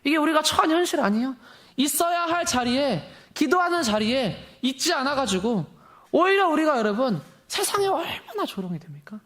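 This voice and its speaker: An impassioned young man delivers a sermon in a fairly high voice. His pitch leaps and drops constantly, and he drives his points home with rhetorical questions. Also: sing-song, normal speed, fairly bright tone. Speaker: preacher.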